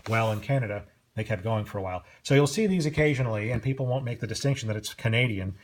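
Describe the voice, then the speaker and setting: A middle-aged record collector presents his collection in a casual, unscripted show-and-tell, chatty and prone to digressions. His voice is on the low side with lively intonation, and he talks fast. The recording is clear but has background noise and clicks.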